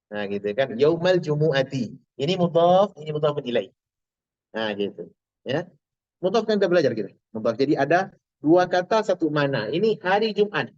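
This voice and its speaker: A man teaching a classroom grammar lesson, quizzing his students with quick questions and light laughs. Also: fairly high pitch, no room sound. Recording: dull lo-fi classroom recording.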